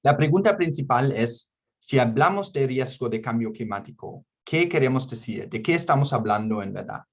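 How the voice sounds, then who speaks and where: A man's voice: medium pitch, animated, normal speed. A man from Germany speaking non-native Spanish with a German accent and small slips, presenting an online workshop. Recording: dull, band-limited online call audio.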